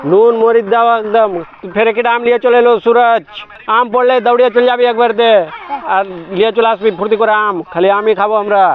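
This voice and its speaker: A man's voice: extremely high pitch, level tone, fast talker, narrow, tinny audio. A young man from Malda with a local Bengali accent, chatting casually in a vlog from a mango orchard and calling out to friends and kids. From Malda, West Bengal. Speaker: vlogger.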